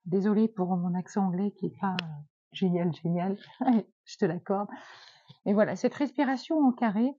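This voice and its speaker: Gentle encouraging woman, mellow voice. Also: mid-range voice, moderate pace, dull audio, a little hiss or hum. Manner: gentle, encouraging, many fillers. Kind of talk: self-help talk to camera.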